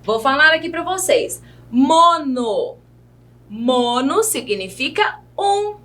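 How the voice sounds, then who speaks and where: With great patience, a female teacher from Brazil guides young learners through a lesson, questioning them as she goes. Her voice is high and animated, and she speaks very slowly, exaggerating how each word sounds.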